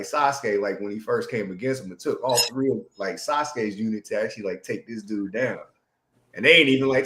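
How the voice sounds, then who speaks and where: A man's voice: medium pitch, a bit bright. A man co-hosting a casual podcast chat, talking loosely in slang with lots of fillers. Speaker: podcast co-host. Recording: roomy echo.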